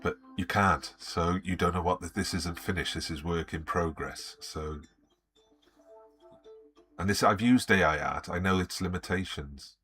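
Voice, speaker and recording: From a desk in his indoor home studio, an older man from Wales runs a live art stream chat, talking under his breath as he works, grousing at his software, and welcoming chat viewers. He speaks low and unhurried, with music playing behind him.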